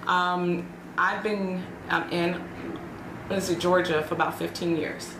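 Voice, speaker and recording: A woman's voice: on the low side, flat delivery, unhurried. Woman, 40s, chatty guest; echoey room, background noise. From Chicago. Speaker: guest, entrepreneur. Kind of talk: interview.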